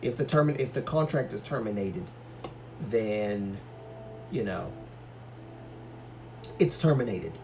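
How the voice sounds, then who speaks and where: A man's voice: fairly low pitch, lively intonation, takes it slowly, gravelly, pauses often, mellow, faint music behind. A man from Algeria hosting a livestream, chatting casually and giving his opinions with many fillers and restarts. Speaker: livestream host. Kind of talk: casual chat reading viewer comments.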